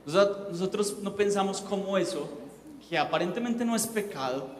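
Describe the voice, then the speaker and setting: A man's voice: high voice, animated, moderate pace, a little hiss or hum. A man, preaching a sermon in a conversational, joking way and asking the congregation questions. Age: 30s. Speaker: pastor. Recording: echoey hall.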